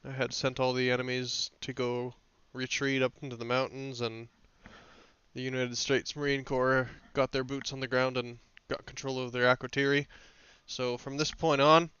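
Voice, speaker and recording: A man's voice: medium pitch, little pitch movement, normal speed, a bit bright, clear, resonant tone, dry recording. A man acting as game master, chatting casually and teasing the players during a mission debrief over voice chat. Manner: laid-back, laughing, teasing. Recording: dull lo-fi voice chat.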